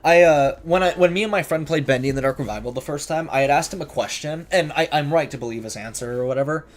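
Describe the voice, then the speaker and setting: A man's voice: on the high side, fast talker. Nervous, joking man streaming a horror game. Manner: nervous about scares; jokey, talking back to game characters. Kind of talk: casual gameplay commentary of a horror game. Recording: clear background noise, keyboard clicks and typing.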